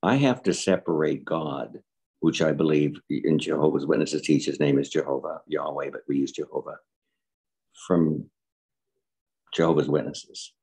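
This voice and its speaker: An older man in his seventies with a very deep voice that sits at the bottom of its range. The tone is gravelly and a little husky. He talks earnestly and reflectively, leaning on repeated words. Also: normal speed, darkish tone. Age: 70s. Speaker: guest. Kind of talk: personal interview.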